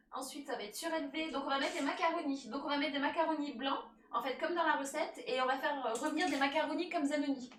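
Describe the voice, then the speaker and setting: A woman's voice: high-pitched, fairly bright tone, distant mic, slight background noise. A woman chatting casually during a live cooking stream, laughing often, thanking viewers and talking to her cat. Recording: echoey room, voice a bit off-mic.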